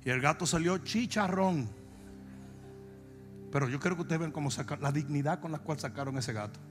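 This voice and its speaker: A Dominican man preaching, telling comic stories and breaking into long shouted cries. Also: fairly high pitch, over music. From Dominican Republic. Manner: shifts from shouted, drawn-out preaching to fast, joking anecdotes. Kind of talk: comic sermon storytelling.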